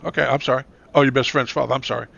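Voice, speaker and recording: A man's voice: mid-range voice, level tone, rapid-fire, creaky, fairly bright tone. A man hosting a talk show, moderating guests over a conference call with short acknowledgments and hesitant fillers. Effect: conference call audio. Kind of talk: casual moderating of a group call. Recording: muffled lo-fi conference call line.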